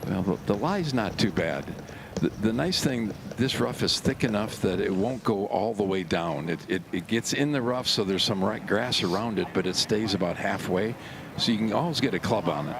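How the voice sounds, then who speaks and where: A man with a low, gravelly voice gives golf color commentary. He explains the lie and the rough in an easygoing way. Clear background noise runs behind him. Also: moderate pace. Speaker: golf analyst. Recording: broadcast with steady background noise.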